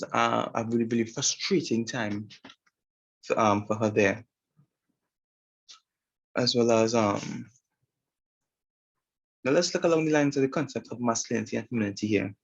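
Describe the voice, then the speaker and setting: This young Trinidadian student gives a casual talk about a woman he interviewed, stumbling through fillers and restarts. His voice is medium-pitched, slightly rough and marked by vocal fry, captured in muffled, lo-fi audio.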